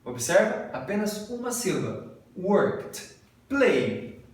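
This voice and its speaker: A man's voice: sits high, sing-song, takes it slowly, distant mic. A Brazilian man with a Brazilian Portuguese accent, an English teacher giving a video lesson and patiently drilling pronunciation. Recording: very echoey room, voice off-mic.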